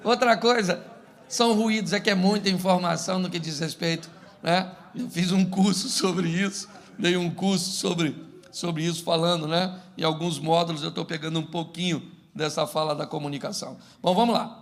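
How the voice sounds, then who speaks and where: A man's voice: high voice, normal speed. A middle-aged man preaching a humorous sermon as pastor, acting out little scenes of married life. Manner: humorous, animated, acts out domestic scenes.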